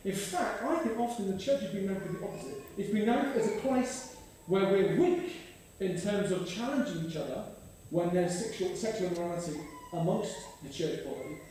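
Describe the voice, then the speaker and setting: A man, preaching a sermon with animated, self-deprecating storytelling. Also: high-pitched, normal speed, slight background noise. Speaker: pastor. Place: large church hall. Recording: very echoey hall, voice from far off.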